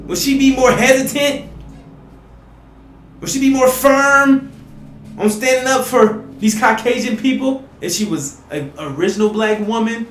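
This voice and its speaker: A man preaching emphatically to his listeners, often asking "you see?" and sometimes rising to a shout. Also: very high-pitched, echoey room. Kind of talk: impassioned preaching monologue.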